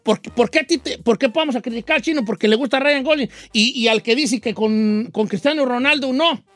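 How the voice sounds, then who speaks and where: A man's voice: very high voice, a little fast, fairly bright tone, no echo. A man voicing a cranky old Mexican radio host with a Mexican accent, teasing and quizzing callers in slangy comic banter.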